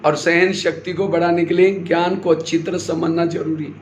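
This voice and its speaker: A man's voice: a little high, flat delivery, moderate pace. A man giving a spiritual class in sermon style, asking his audience questions and answering them himself. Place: hall with a live audience. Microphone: handheld or stand mic. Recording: echoey hall with faint noise.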